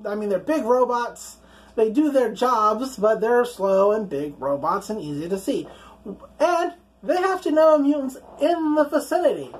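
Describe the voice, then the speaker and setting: A woman's voice: fairly high pitch, lively intonation, measured pace. Chatty woman recapping a comic. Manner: chatty, profane, full of "like" and "you know". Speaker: comic book reviewer.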